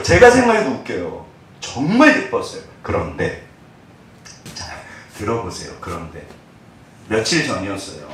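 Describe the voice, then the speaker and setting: Animated pastor, echoey church hall. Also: male voice, medium pitch, distant mic. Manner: animated storytelling, swings from loud to hushed. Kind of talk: sermon with personal stories. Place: church sanctuary.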